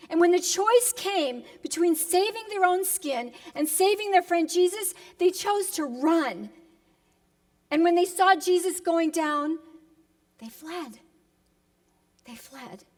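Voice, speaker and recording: With a very high-pitched voice, a woman preaches solemnly and dramatically in a reflective sermon. Her delivery is deliberate, punctuated by emphatic pauses, and swings from hushed to impassioned. The hall adds a long, echoing reverb.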